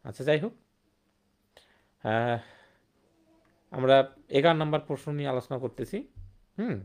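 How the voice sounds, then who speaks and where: A man's voice: medium pitch, lively intonation, moderate pace, darkish tone. A man teaching a grammar lesson online, asking rhetorical questions and repeating key words. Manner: rhetorical questions with "hum?" and "thik na?".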